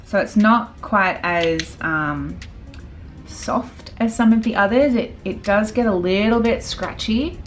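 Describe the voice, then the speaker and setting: A woman's voice: mid-range voice, takes it slowly, soft background music. Chatty woman makeup artist. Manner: chatty, filler-heavy, relaxed. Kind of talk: casual makeup tutorial.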